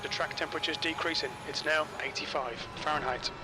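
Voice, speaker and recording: A man voicing a calm race engineer, giving short, flat pit radio calls to a driver. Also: fairly high pitch, brisk. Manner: short clipped instructions, flat and matter-of-fact. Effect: terse pit radio call. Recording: race car engine noise behind. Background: car engine and track ambience.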